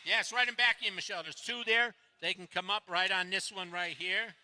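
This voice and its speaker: An older man hosting a live building event on a hand mic, briskly calling people up to the stage and pointing them to their tables. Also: high-pitched, steady tone, bright, forceful tone. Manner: brisk, directing people with repeated "right over here". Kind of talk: calling on an audience and running a stage game. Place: stage in a large hall with an audience. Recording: reverberant hall from a live event.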